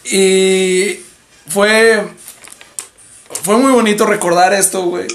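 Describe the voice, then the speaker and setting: Young man, Mexican Spanish accent, livestream host, casual gossip chat, high voice, animated. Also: takes it slowly. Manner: animated, acts out others in high mimicking voices.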